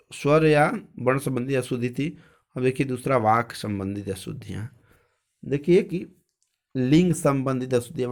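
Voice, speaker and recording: A man's voice: mid-range voice, a little mellow. Man teaching grammar, asks and answers himself. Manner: repeats each word slowly and carefully. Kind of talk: grammar lesson.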